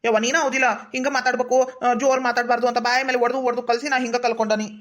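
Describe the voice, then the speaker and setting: A woman's voice: on the high side, flat delivery, rapid-fire, dull audio, close to an everyday voice. Woman playing a meek, shy village son. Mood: explaining. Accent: North Karnataka Kannada. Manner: soft-spoken, whiny. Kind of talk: comedy skit acting.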